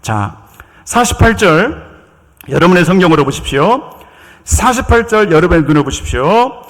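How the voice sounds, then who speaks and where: Man preaching with animated swings in a reverberant church. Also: high voice. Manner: dramatic, repetitive preaching with acted quotes and drawn-out emphasis. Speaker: pastor. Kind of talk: sermon. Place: church sanctuary.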